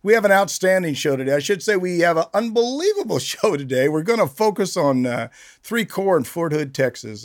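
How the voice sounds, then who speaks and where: A man's voice: on the high side, creaky. An older man hosting a military podcast in a jovial, gung-ho, casual way, often chuckling as he talks. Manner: jovial, chuckling, gung-ho army talk with hooah shouts. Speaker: podcast host, retired army senior enlisted leader.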